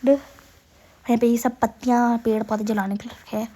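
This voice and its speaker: With a sore throat, the young Uttarakhand vlogger from India gives a chatty, self-deprecating voice-over about her family day, calling her audience "guys." Her voice sits on the high side, warm in tone, with a flat delivery at a moderate pace.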